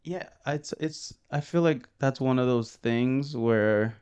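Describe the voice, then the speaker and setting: A man's voice: mid-range voice, takes it slowly, a little mellow, clean tone. A young man co-hosting a podcast, talking in a rambling, hesitant way with many fillers. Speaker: podcast co-host. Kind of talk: casual conversation.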